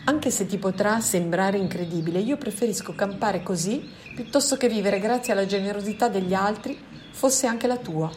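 A woman's voice: mid-range voice, moderate pace, few pauses, darkish tone, slight background noise, lightly acted. A woman voicing a sullen, aloof male gorilla who answers in curt, clipped lines in a storybook reading.

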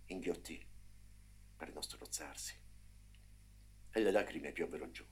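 A man reading a story aloud in an expressive, dramatic way, sometimes dropping to a hush. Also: very deep voice, measured pace, a little hiss or hum. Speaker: narrator. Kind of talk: storybook narration.

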